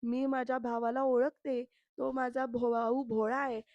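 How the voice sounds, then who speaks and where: A woman's voice: a little high, little pitch movement, unhurried, darkish tone, dry recording, dull audio. A woman voicing a scheming, bossy middle-aged aunt who talks in a scolding, accusing way.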